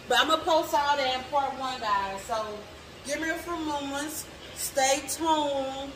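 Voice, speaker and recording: A young woman, chatting to viewers in a casual cooking vlog, recorded on a phone at arm's length in a home kitchen. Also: sits high. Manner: chatty, talks straight to viewers. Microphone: phone held at arm's length. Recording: echoey kitchen, background noise.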